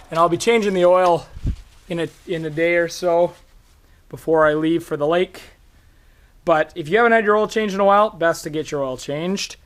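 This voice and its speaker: Holding the camera in one hand, a hoarse, slightly high-voiced man walks casually around his truck outside while hosting a car how-to video. It's a laid-back hands-on demo, and he chats easily with the viewer, explaining every step as he goes.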